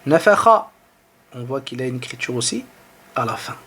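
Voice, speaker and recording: A man with a French accent giving a patient online lesson on reading Arabic letters, sounding out each letter slowly and repeating it. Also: mid-range voice, lively intonation, bright, forceful tone, slightly rough.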